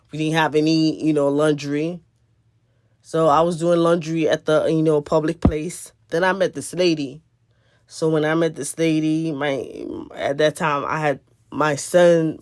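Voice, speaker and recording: A woman's voice: sits low, a little mellow, no room sound, clean studio sound. A woman telling a personal spiritual testimony in an earnest, conversational way, repeating phrases for emphasis. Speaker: spiritual video host.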